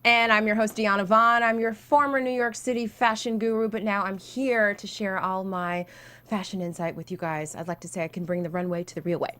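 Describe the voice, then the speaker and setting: An upbeat woman hosts a fashion segment from a studio, chatty and quick. Her mid-range voice keeps an easy, casual talk-show flow. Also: medium pitch, fairly even intonation, fairly bright tone. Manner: upbeat, chatty, reads items aloud.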